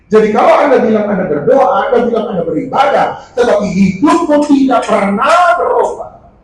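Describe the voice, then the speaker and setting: A man preaching a sermon as a pastor, animated, often raising his voice to a shout for emphasis and acting out the voices he quotes. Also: high-pitched. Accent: Indonesian. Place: church prayer meeting hall. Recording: distant, very echoey hall with faint noise.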